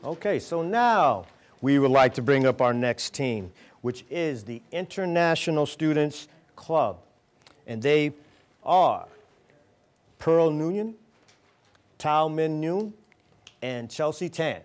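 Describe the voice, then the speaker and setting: A man's voice: a little high, animated, slow, long pauses. A young man emceeing a student case competition, friendly and affirming as he thanks teams and introduces the next.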